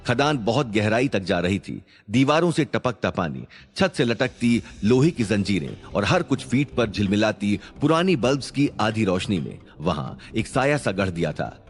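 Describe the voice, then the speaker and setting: A man narrating a suspense story in a scripted, dramatic storytelling manner. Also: on the low side.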